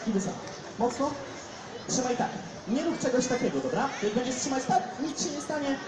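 A man's voice: very high voice, expressive. Young male street juggler, joking crowd-work, distant phone recording in a noisy echoey square. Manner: joking, directs volunteers and crowd with quick instructions. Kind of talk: live street show patter to a crowd. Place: large outdoor town square with a big crowd. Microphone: no mic, caught by a phone camera in the audience.

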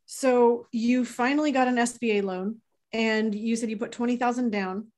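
A woman's voice: a little high, fairly even intonation, moderate pace, a little mellow. A young woman hosting an interview over a video call, attentive and encouraging, asking follow-up questions. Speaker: host.

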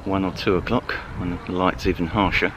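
A man's voice: deep voice, fairly even intonation, fairly quick. A man in his fifties talking casually to a handheld camera at a campsite and by a mountain lake, with chatty, self-deprecating asides. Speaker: vlogger. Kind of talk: casual outdoor vlog. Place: campsite and mountain lakeside outdoors, and inside a small tent. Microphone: handheld camera at arm's length. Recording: outdoor camera audio with clear wind and ambient noise.

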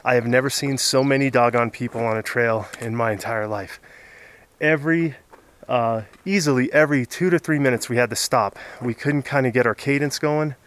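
A Southern California man in his thirties vlogs casually to the camera on a mountain summit, exhausted after a hard hike yet chatty and laughing often. His mid-range voice is a bit bright at a moderate pace. Recorded on a handheld camera held at arm's length, the audio has a little hiss or hum.

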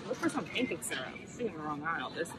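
A woman's voice: deep voice, big pitch swings, fast talker, heavy background noise. A woman talking through a face mask while she shops in a grocery store, narrating her search for items in a chatty, giggly vlog style to a handheld camera. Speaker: vlogger. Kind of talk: casual vlog chat.

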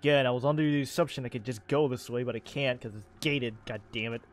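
A man with a quick, mid-range voice streams a game, offering casual commentary and reacting with swearing and laughter. He's recorded through a headset with closed headphones.

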